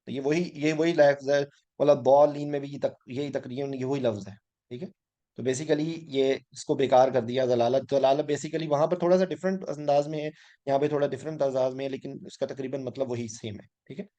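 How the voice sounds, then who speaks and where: A man's voice: mid-range voice, steady tone, brisk, mellow. A man teaching a weekly Quran class, patiently explaining grammar and often checking "ठीक है?" as he mixes in English words.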